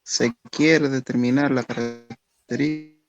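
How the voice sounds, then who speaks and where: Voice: medium pitch, fairly even intonation, unhurried, muffled recording, music in the background. A student reading a textbook passage aloud over an online class call, the voice cutting out as the connection breaks up.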